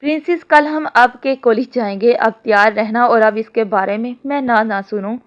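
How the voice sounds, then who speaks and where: A possessive young man who is doting one moment and commanding the next, read in a woman's own soft voice. He speaks low and firmly, a little above the usual pitch for a man. The lo-fi audio sounds dull. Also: moderate pace, close to an everyday voice. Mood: teasing.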